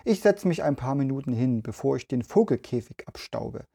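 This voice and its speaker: A man's voice: medium pitch, expressive, moderate pace, gravelly, dark tone, breathy edge. A man voicing a fussy, tidy old woman who scolds about dirt but means well. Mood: fussing kindly. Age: older.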